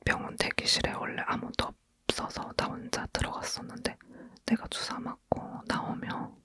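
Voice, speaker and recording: Someone leaning in to whisper an intimate, hushed ASMR chat, speaking informally as if to a friend. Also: moderate pace, no room sound, clean studio sound. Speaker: ASMR host.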